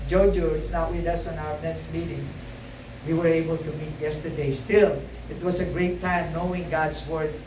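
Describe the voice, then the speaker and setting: A man preaches in a church sanctuary, heard from far off in an echoey space with background noise. His voice sits on the high side with a flat delivery at moderate pace, starting hesitant and full of fillers before building into emphatic repeated phrases.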